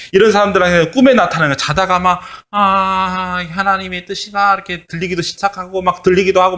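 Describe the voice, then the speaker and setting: A man giving a children's sermon as a pastor, telling a Bible story and asking the children questions. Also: fairly high pitch.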